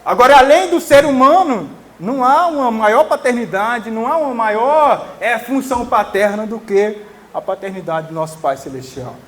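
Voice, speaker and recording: A pastor in his thirties, preaching earnestly and emphatically, dropping to soft tender tones at times. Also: extremely high pitch, animated, moderate pace. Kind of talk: sermon.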